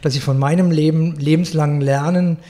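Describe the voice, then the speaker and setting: A middle-aged man chats as a podcast guest. His voice sits a little high for a man. He rambles, restarts sentences and corrects his own numbers in an easygoing, conversational way. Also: steady tone, fairly quick, dark tone. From Berlin, Germany. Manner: rambling, self-correcting, chuckling asides. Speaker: guest florist. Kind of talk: casual interview chat.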